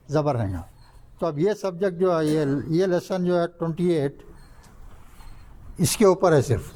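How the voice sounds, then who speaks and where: An older man with a high, dark voice teaches an Arabic grammar class in a mosque. In this classroom lecture he poses questions to the class, answers them himself, and keeps repeating the key rules.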